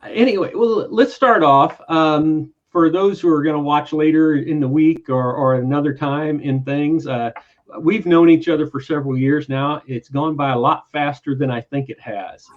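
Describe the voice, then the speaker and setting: A man's voice: mid-range voice, fairly even intonation, moderate pace, muffled recording. A man hosting a friendly online chat with a country American accent, talking hesitantly with many fillers. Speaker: host. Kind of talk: casual interview chat.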